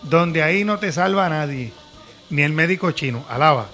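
Bright high-voiced preacher man. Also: lively intonation, faint music behind. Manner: reads scripture slowly and emphatically, interjects praise. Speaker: preacher and program host. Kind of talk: preaching and Bible reading in a panel chat.

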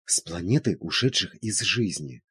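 A man's voice: sits low, animated, normal speed, fairly bright tone, husky, exaggerated voice. A man voicing an anxious widowed woman who speaks in an earnest, pleading way. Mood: insistent.

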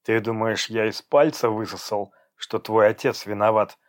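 A man's voice: lowish voice, normal speed, natural voice. A man reading an audiobook, voicing a stern, domineering man who speaks in curt commands. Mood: commanding. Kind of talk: audiobook character voice.

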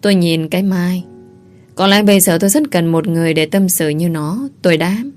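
A woman's voice: fairly low pitch, steady tone, brisk, a little mellow, faint music behind. Woman reading a heartfelt story. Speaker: audiobook narrator. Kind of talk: first-person story reading.

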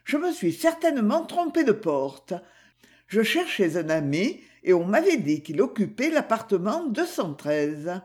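A woman's voice: medium pitch, sing-song, unhurried, darkish tone. A woman voicing a cheerful, affectionate young Parisian woman in an audiobook, speaking in a raised, eager way. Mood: flustered. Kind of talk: audiobook character voice.

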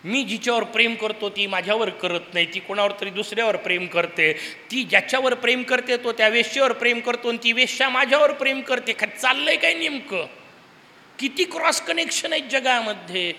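A man's voice: very high-pitched, brisk, bright, forceful tone, full character voice. A preacher voicing a bewildered, heartbroken king inside a spoken story. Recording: reverberant hall.

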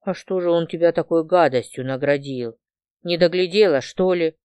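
A woman's voice: fairly low pitch, normal speed, darkish tone, smooth, no echo, close to an everyday voice. A woman voicing a blunt, sarcastic young woman friend. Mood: disbelieving. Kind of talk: audiobook reading.

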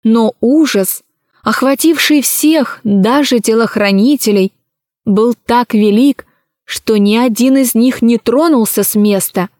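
A woman narrating a children's adventure story in an expressive, dramatic reading. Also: fairly high pitch, slow pace, no room sound, clean studio sound.

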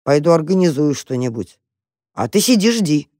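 A storyteller voicing a brave, curious young male mouse who talks briskly and takes charge. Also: mid-range voice, dry recording, studio quality, close to an everyday voice. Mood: eager, impatient. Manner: lively, bossy, impatient.

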